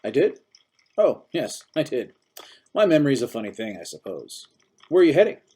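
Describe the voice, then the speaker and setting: A bright, busybody old gentleman who chatters with relentless optimism, as a man puts him on. His voice rides noticeably higher and louder than the narration around him, all eager small talk. It is a storybook character, nosy and sunny. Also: big pitch swings, moderate pace, husky. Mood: chirpy, chatty. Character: cheerful, nosy older man at a bus stop.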